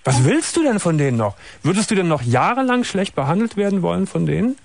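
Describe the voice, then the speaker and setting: A man's voice: high-pitched, very animated, fast talker, gravelly, darkish tone, no echo. A man hosting a late-night radio phone-in, probing firmly and cutting in to make his point. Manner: probing, firm interviewer who interrupts. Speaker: radio call-in host.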